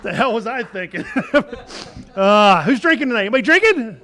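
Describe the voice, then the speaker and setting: A man with a high voice emceeing a comedy club night, speaking into a stage mic. His stand-up patter is loose and rambling, full of quick asides to the crowd. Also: very animated, sharp tone. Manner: rambling, loose audience banter. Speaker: host comedian.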